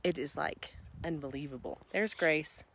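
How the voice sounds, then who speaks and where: Excited woman on a mountainside phone stream. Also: low voice, moderate pace, vocal fry, slight background noise. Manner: breathless, excited, laughs often, greets viewers by name. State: tired from hiking. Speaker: vlogger streaming live. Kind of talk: casual live-stream chat. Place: outdoors on a mountainside. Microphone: phone held at arm's length.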